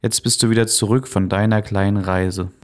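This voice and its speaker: A man softly and calmly narrating a guided meditation in a soothing manner, as the host of a relaxation podcast. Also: lowish voice, moderate pace.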